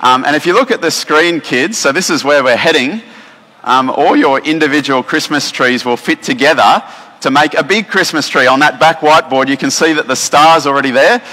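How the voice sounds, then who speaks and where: A man with an Australian accent preaching a casual sermon, chatty and relaxed, with many fillers and restarts. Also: fairly high pitch, normal speed. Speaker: pastor. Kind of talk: casual sermon with instructions for children. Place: church hall. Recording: long reverb of a church hall.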